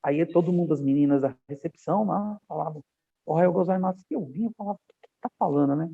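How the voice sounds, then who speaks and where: A fairly high-pitched man with a husky, gravelly edge, from Brazil, telling stories in a lively, animated way and playing the voices of the people he quotes. The sound is narrow and thin, like a phone call. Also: quick pace. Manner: animated storyteller, acts out quoted dialogue. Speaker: podcast guest, aviation professional. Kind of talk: casual interview storytelling. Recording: tinny phone-like line.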